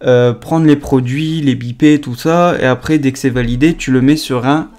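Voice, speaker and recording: A man's voice: medium pitch, normal speed, darkish tone. A young man, talking in an improvised casual vlog with many fillers. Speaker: vlogger. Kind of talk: unscripted casual vlog talk.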